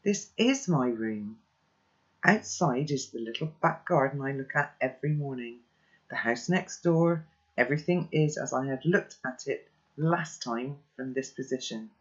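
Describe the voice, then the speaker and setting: Casting: calm first-person storybook narrator, mid-pitched, lo-fi sound. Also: moderate pace. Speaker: reader. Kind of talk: reading a children's novel aloud.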